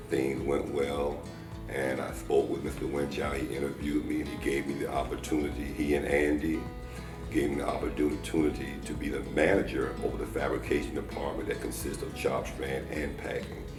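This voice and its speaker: Man, extremely low voice, flat delivery, eager, roomy distant mic, music behind. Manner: enthusiastic, grateful, many ums. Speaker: fabrication manager. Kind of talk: employee interview.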